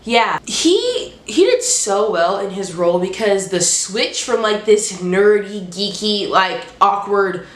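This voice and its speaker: A woman's voice: medium pitch, big pitch swings, slow, hardly any pauses. A woman with a stuffed-up, nose-pinched sound from allergies, chatting casually and expressively in slangy speech as she reviews films. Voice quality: congested, nasal, like holding the nose. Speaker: movie reviewer hosting a top ten countdown. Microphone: handheld phone. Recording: roomy, echoing home recording.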